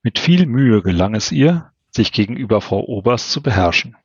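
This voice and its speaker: Hörbuch-Erzähler, Mann, heiser, trocken aufgenommen. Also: male voice, lowish voice, lively intonation, normal speed, a little mellow, breathy edge, dry recording, dull audio. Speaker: author reading his own novel. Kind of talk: audiobook narration.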